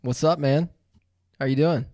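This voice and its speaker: A man hosting a podcast in a studio, telling stories in a lively, laughing way. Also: fairly high pitch, a little slow, dry recording. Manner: animated storyteller, laughs while telling. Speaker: podcast host. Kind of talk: casual podcast chat.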